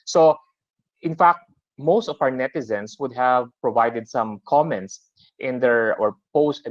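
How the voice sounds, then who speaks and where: A man from the Philippines, with a Filipino accent and a mid-range voice, presents a business webinar for a super app, talking with many fillers and restarts. The audio is dry and slightly dull, with no room sound.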